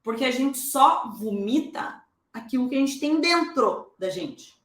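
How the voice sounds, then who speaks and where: A woman's voice: high voice, animated, unhurried, a bit bright, echoey room. A woman teaching a public speaking masterclass in a casual, slangy way, driving points home with repeated examples. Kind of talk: masterclass lecture.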